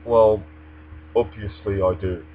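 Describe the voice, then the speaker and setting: For his personal vlog, a young man reads aloud and gives casual answers to a tag challenge, his English articulate and formal. He talks slowly in a fairly low, steady voice. The audio comes through a dull lo-fi mic with a mains hum.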